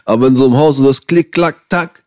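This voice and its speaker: A young man casually telling animated anecdotes in street slang, quoting what others said, as a streamer chatting with friends. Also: mid-range voice, fast talker. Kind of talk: casual storytelling chat.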